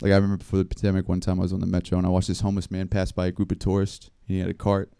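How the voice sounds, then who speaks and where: A man doing a stand-up comedy set, telling rambling stories in a deadpan way. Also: deep voice, very fast, vocal fry, smooth. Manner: deadpan, rambling storytelling with small laughs. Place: live comedy stream venue.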